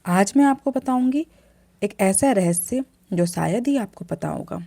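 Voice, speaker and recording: A woman hosting a devotional video, giving earnest step-by-step instructions in a calm explaining way. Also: mid-range voice, unhurried, creaky.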